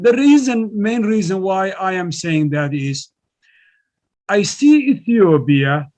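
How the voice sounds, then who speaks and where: Male academic guest, higher-pitched voice, measured and emphatic. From Somalia. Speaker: guest economics professor. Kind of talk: formal interview answers.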